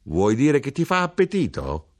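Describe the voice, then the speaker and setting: A man's voice: mid-range voice, sing-song, a little slow, voice pushed up. A man reading an audiobook voices a teasing, proud middle-aged Sicilian mother, with playful, mocking exclamations. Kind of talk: audiobook character voice.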